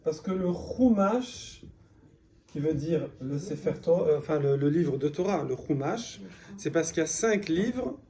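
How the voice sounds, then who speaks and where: Speaking unhurriedly in a mellow, slightly high and animated voice, a man leads a beginner Hebrew lesson taught in French. He is patient, repeats the key words, and checks that students follow with "d'accord?" Slight background noise is present.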